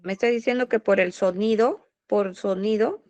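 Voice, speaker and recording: A woman's voice: mid-range voice, moderate pace, darkish tone. A woman at an online workshop for teachers, politely doubting and challenging the teacher's point. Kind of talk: questioning in an online class. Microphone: video call.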